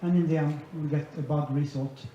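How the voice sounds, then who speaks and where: A man's voice: on the high side, steady tone, brisk, mellow, slight background noise. A man giving a conference presentation, laying out his points methodically one by one. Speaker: conference speaker. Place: large conference hall. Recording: echoey hall, dull sound, faint ambience.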